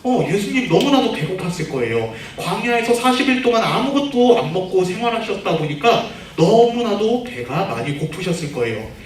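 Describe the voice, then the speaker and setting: A man, a junior pastor, giving a children's sermon, asking the children questions and leading them in reading aloud. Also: high voice. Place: church room. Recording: echoey room, far from the mic, faint noise.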